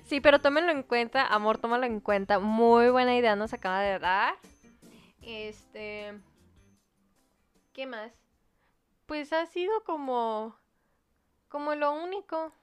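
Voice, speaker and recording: Young Mexican woman, podcast co-host, crisp voice a touch high, slangy storyteller. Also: takes it slowly, pauses often, dry recording, soft background music. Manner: animated storyteller, peppers speech with slang and swearing. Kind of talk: casual chat.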